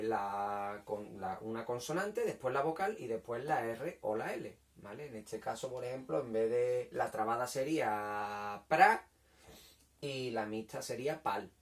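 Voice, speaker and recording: Patient male teacher, slightly distant mic. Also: medium pitch. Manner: patient, repeats points, checks with "¿vale?"; sounds out syllables slowly, writing on a board. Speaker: primary school teacher. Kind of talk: recorded language lesson for children.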